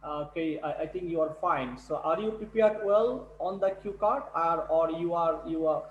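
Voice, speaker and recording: A male tutor running an online speaking class, halting and repeating words. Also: fairly high pitch, echoey room, muffled recording, a little hiss or hum. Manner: halting, repeats words, non-native English. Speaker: English test tutor. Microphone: video call.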